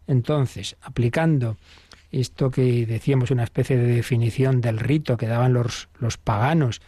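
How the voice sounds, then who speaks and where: A man's voice: medium pitch, fairly even intonation, normal speed, dark tone, no echo. A man giving a catechism lesson, explaining patiently with rhetorical questions and frequent restarts. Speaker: priest teaching the catechism.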